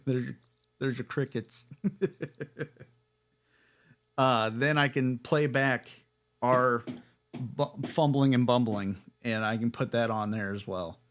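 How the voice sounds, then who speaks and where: Male streamer, slow delivery, rambling and chuckly, casual tech-test chatter. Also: mid-range voice, steady tone, slight background noise. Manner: rambling, chuckling, self-correcting. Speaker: livestream host. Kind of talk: casual livestream equipment test.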